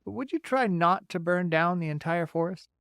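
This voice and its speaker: A man's voice: high voice, expressive, moderate pace, vocal fry, a bit bright, clear, resonant tone, dry recording, clean studio sound, voice pushed up, exaggerated voice. A man voicing a friendly, talkative male beaver who eagerly gives folksy advice in an audiobook. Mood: chatty. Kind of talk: audiobook character voice.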